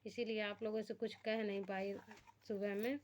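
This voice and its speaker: A woman's voice: mid-range voice, level tone, moderate pace, darkish tone, a little hiss or hum. A woman with a Bhojpuri-tinged Hindi accent, chatting casually to her viewers from home at night. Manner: chatty, addresses viewers as friends. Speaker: family vlogger.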